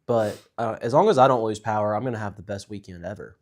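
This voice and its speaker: A young man co-hosting a relaxed talk show. His voice sits somewhat low, and he talks in an easygoing, agreeable way with frequent hesitant fillers. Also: fast. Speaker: podcast co-host. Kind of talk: casual chat.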